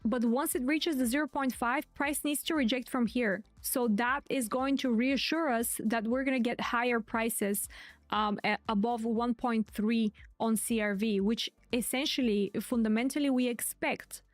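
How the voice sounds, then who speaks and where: A crypto trading streamer hosts live market commentary, chatting casually and repeating her key points. Her voice is fairly high and steady, at a normal speed, with no echo.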